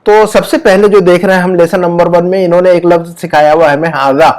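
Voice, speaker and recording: A man with a fairly high voice leads an Arabic lesson. He speaks patiently, repeats each word and stretches sounds slowly to model them, then checks in with his student. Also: steady tone, a little mellow. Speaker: Arabic teacher.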